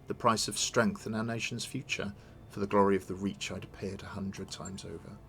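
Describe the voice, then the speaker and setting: A man's voice: lowish voice, flat delivery, moderate pace, creaky, fairly bright tone. A man voicing a proud, scornful captured villainess from a video game, with the threatening manner of a sputtering foiled villain. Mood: bitter, menacing. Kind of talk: dramatic read-aloud of video game dialogue.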